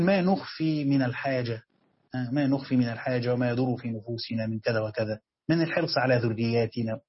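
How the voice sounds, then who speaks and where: A man with an Egyptian accent teaching a classroom lesson on Quran commentary, reading the text slowly and then explaining quickly and quizzing his students. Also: medium pitch, husky, lo-fi sound.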